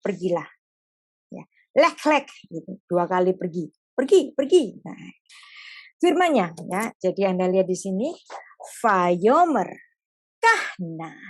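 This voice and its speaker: A woman teaching a Bible lesson in a lively, explanatory way, with casual spoken asides. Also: on the low side, no room sound.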